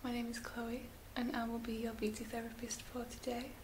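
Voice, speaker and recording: A woman whispering gently as a spa beauty therapist in an ASMR roleplay, slow and soft with little fillers. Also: on the high side, completely flat delivery. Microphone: close sensitive mic. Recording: hissy close mic.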